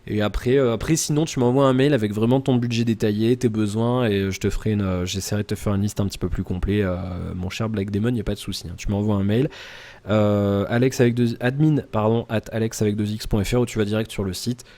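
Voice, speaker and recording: A man talking casually to his viewers in a daily vlog, answering their comments one by one. His voice is soft and mellow, and he rambles with lots of fillers and false starts. He speaks to the viewer directly and informally. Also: lowish voice, steady tone, fast talker. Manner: rambling, many "euh" fillers and restarts.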